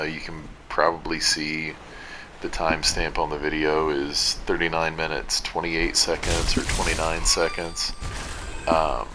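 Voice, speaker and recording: A sleepy man talks slowly over his gameplay, his voice low and deep but with a bright edge. He rambles with plenty of restarts and pokes fun at himself. A faint hiss sits under the recording. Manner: rambling, drowsy, self-deprecating, with restarts. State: tired, sleepy. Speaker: gaming video commentator. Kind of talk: casual gameplay commentary.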